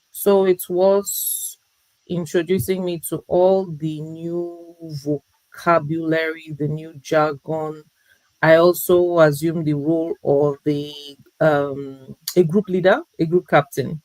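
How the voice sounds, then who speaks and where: A woman guest in an interview, talking in a reflective, measured way with frequent pauses. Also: deep voice, steady tone, a little mellow, no echo, rough recording. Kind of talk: interview conversation.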